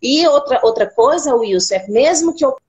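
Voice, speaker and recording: A woman from Brazil, a teacher, explaining classroom activities in a didactic way, sounding out words slowly and asking rhetorical questions. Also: high voice, lively intonation, darkish tone.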